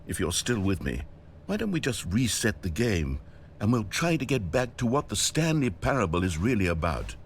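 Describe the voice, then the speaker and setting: A man's voice: lowish voice, very animated, moderate pace, slight background noise. An actor playing a fussy, theatrical male narrator in a video game, eloquent and grandiose, indignant or wistfully nostalgic. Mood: apologetic, coaxing.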